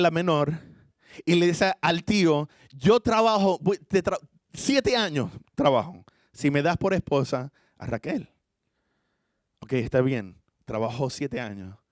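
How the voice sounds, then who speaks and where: A man's voice: mid-range voice, dry recording, studio quality. A male pastor, preaching a sermon and telling the story with acted-out lines. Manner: storytelling, acting out the characters' lines.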